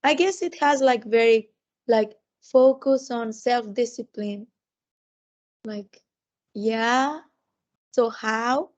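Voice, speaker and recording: A woman chatting casually as a podcast co-host, with a thick, sore-throat voice and a halting delivery that often repeats words. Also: a little high, dull audio. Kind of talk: casual chat.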